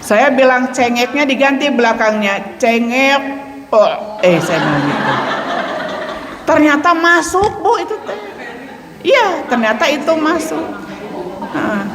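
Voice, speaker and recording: A woman's voice: high-pitched, animated, a little slow, long pauses, noisy background. A woman religious teacher with a Sundanese accent gives a Ramadan lesson on Quran recitation, playful and laughing often. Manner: playful, laughing often, mixing in local words. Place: mosque hall. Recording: echoey mosque hall with long reverb.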